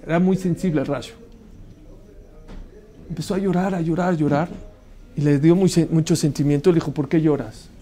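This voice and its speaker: A man teaching a Torah class, telling a long story with lively pauses and questions to his listeners. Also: a little high. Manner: animated storyteller, asks the audience questions, mixes Hebrew terms.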